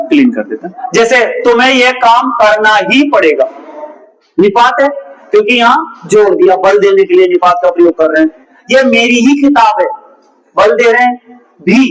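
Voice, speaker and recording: A man's voice: high-pitched, fairly bright tone, low-quality recording. A man giving a grammar lesson, repeating points and asking his students rhetorical questions. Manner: repetitive, asks rhetorical questions. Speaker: Hindi teacher. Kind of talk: classroom-style grammar lesson.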